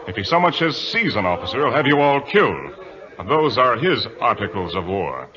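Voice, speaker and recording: Male actor, shrewd, authoritative sea captain, mid-pitched, old radio drama, muffled vintage recording. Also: sing-song, normal speed, a crowd in the background, natural voice. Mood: stern, commanding. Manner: clipped authority, formal. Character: commanding, shrewd, reserved British naval captain.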